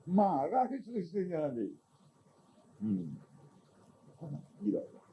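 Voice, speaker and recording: An older man giving an informal religious talk, animated and teasing, often asking his listeners questions. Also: sits high, unhurried, rough recording. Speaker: religious teacher.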